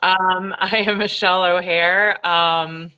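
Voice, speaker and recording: A woman's voice: lowish voice, fairly even intonation, takes it slowly, clear, resonant tone. A woman from North Carolina, a guest practitioner on a video call, thoughtful and hesitant with frequent giggles. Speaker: guest, body talk and IFS practitioner. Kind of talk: casual interview chat. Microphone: remote video call. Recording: dull lo-fi video-call audio.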